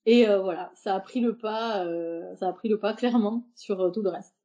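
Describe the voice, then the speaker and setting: Une femme invitée d'un podcast, qui parle de façon décontractée et hésitante, avec beaucoup d'hésitations et de reprises. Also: female voice, medium pitch, moderate pace, dark tone, muffled recording. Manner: hesitant, many fillers and restarts. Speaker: podcast guest, embroiderer. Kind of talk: casual interview talk.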